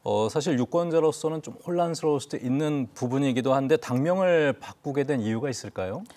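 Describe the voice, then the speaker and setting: A man's voice: mid-range voice, lively intonation, fairly quick, warm tone. Polite male talk-show host. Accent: Jeju. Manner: polite, formal questioning. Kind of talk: current-affairs interview hosting.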